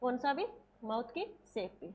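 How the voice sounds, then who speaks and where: A woman teaching a coaching class, asking questions and answering them herself, slowing down to dictate terms word by word. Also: on the high side, big pitch swings. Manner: drills students with repeated questions and answers; slows right down to dictate English terms word by word. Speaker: nursing exam coaching teacher. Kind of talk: classroom lecture, dictating notes.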